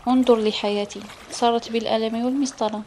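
A woman reading the part of a gentle, wise, widowed middle-aged mother in an audiobook, soft and tender. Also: fairly high pitch, steady tone, quick pace, slight background noise, close to an everyday voice. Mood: earnest.

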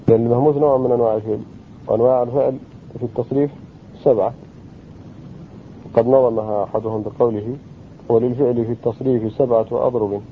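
A man gives a classical grammar lesson, unhurried and methodical, drawing out each example word. His voice sits at an ordinary middle pitch. The sound is thin and phone-like, with a faint vehicle rumble underneath. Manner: measured explanatory delivery, slows to spell out example words. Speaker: teacher of Arabic morphology.

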